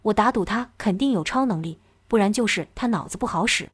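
A woman's voice: mid-range voice, lively intonation, brisk, slightly rough, no room sound. A brash, cocky young male sidekick from an action novel, as a woman narrator voices him, close to her own voice but full of swagger. The recording is dry. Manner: brash and certain.

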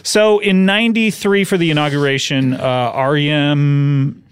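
A man's voice: fairly high pitch, steady tone, moderate pace, clear, resonant tone, no echo, clean studio sound. A middle-aged man hosting a comedy podcast, chatting casually and joking around with playful bits. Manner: jokey, playful bits and silly voices. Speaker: podcast host.

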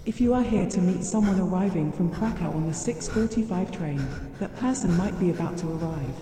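A woman playing a wistful train station announcer who calmly and formally repeats her instructions. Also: lowish voice, brisk, lightly acted. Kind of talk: public address announcement. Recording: echoey station hall, vehicle noise.

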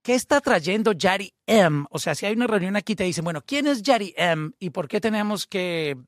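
High-voiced man asking probing questions. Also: expressive, moderate pace, dry recording, clean studio sound. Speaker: podcast host. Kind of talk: casual interview.

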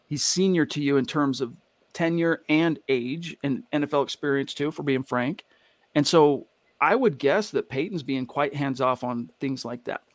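An American man hosts casual sports talk with a mid-pitched voice. He is conversational and emphatic, punctuating his points with rhetorical questions. The sound is close and dry. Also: moderate pace, no echo. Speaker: sports livestream host.

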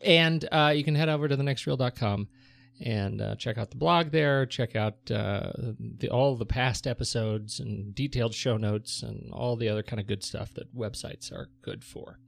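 A man's voice: mid-range voice, moderate pace, gravelly. A man hosting a podcast in casual chat, rambling and hesitant as he goes. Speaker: podcast host.

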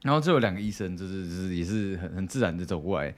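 A man's voice: low voice, lively intonation, rapid-fire. A young man, co-hosting a podcast, tells a rambling story and keeps asking "you know?". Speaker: podcast co-host. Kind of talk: casual chat, storytelling.

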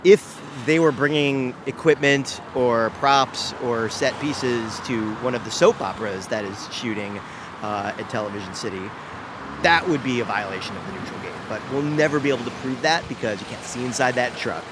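A man's voice: mid-range voice, normal speed. A man, a TV writer and strike captain, speaking casually in an interview on a picket line outside. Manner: casual, plain-spoken, with fillers. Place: outdoors by a studio gate on a city street. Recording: outdoor field recording with traffic noise.

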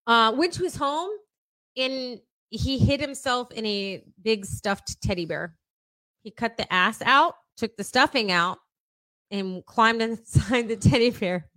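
A woman with a fairly high voice co-hosts a casual podcast. She retells weird news with laughter and plenty of swearing. The sound is close and dry, with no room behind her. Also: measured pace, dry recording, low-quality recording. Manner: animated storyteller, laughs often and swears freely. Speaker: podcast co-host. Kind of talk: casual chat.

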